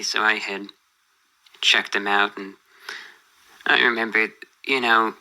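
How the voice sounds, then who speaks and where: Man with a sharp, bright voice. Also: lowish voice, rough recording. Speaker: YouTuber answering viewer emails. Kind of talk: casual monologue.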